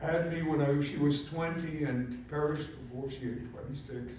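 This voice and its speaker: A Holocaust survivor in his eighties, Polish-born with Polish as his native tongue, gives a formal, prepared account of his experiences as an invited speaker at a public event. His voice is a little high, with fairly even intonation and a moderate pace. Sound is distant and heavily echoed in a large hall, with faint noise.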